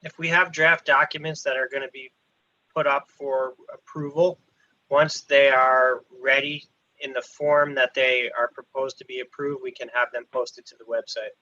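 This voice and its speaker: A man on a laggy video call, speaking in a measured, procedural way as an official advising a zoning board. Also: medium pitch, little pitch movement, pushed and bright. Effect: on a laggy video call, frozen video and broken-up audio. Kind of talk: formal public meeting talk. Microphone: computer mic on a video call. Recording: dull lo-fi video call audio.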